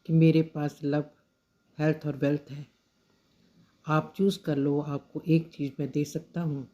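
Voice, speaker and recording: A woman's voice: low-pitched, flat delivery, a little slow, dark tone. A woman voicing a kindly old male holy man who offers a gift, told as part of a story. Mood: gentle. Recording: dull lo-fi recording.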